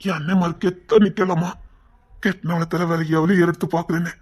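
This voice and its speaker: A man's voice: high-pitched, little pitch movement, a little fast. An actor playing a guilt-ridden young man in a TV serial, crying as he confesses to his mother. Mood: anguished. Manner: anguished, tearful. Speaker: son. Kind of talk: TV serial acting.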